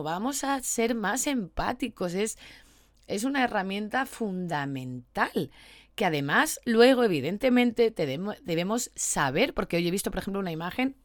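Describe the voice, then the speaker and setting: A woman's voice: mid-range voice, no echo, clean studio sound. A woman with a Spain Spanish accent, a dog trainer explaining her views to followers in an empathetic, persuasive way.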